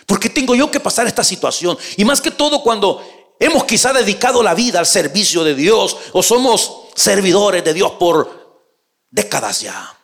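A man preaching a sermon, speaking to the listener as his brother, shifting between hushed, slow passages and loud, emphatic ones. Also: high voice, big pitch swings, vocal fry.

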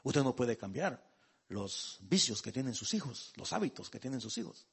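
A man's voice: medium pitch, very animated, normal speed, creaky, fairly bright tone, slightly rough. A male pastor preaching a sermon. He talks conversationally, calls listeners brother, and builds to emphatic outbursts.

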